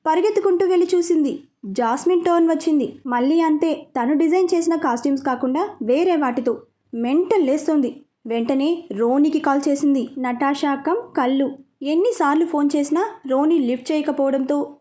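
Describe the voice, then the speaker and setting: Sex: woman. Style: serialized story narration. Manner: steady and plain. Pitch: high.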